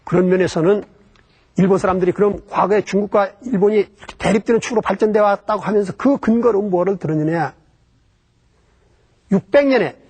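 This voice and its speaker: Man, history lecturer, rhetorical questions, high voice, husky tone. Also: a little mellow. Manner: explanatory, poses rhetorical questions and answers them. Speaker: lecturer on Japan.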